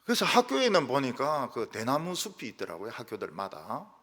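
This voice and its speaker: Animated older pastor in a reverberant church. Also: male voice, mid-range voice, brisk. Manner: animated storytelling, acts out quarrels in regional dialects. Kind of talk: sermon. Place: church sanctuary.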